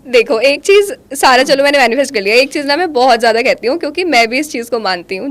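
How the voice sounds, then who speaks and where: High-voiced woman sharing her story. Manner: switches between Hindi and English, slows down for English lines. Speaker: guest, manifestation coach. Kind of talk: podcast conversation.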